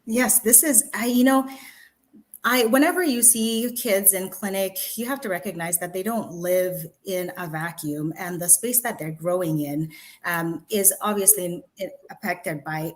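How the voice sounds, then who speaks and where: A woman's voice: fairly low pitch, unhurried. A woman pediatrician from Zambia, answering interview questions in an earnest, explanatory way. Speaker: pediatrician, guest.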